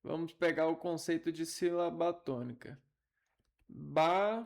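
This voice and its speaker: A man giving an informal linguistics lesson, halting and thinking aloud as he repeats syllables. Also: on the high side, a little mellow. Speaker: teacher.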